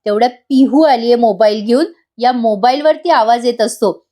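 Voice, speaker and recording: A woman's voice: a little high, normal speed, mellow. A woman narrating a voice-over recap of a TV serial, chatting directly to her viewers. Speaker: TV serial reviewer.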